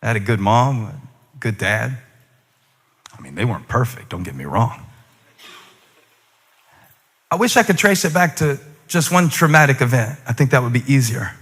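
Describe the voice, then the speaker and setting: A man preaching a sermon to a congregation, talking conversationally and then rising to loud exhortation. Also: mid-range voice, animated, normal speed, long pauses, breathy edge. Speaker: pastor.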